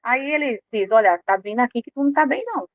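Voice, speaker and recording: A woman giving an informal talk on emotional health to a live audience, animated and acting out quoted inner voices. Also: fairly high pitch, fast talker, dry recording. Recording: dry, tinny phone-like sound.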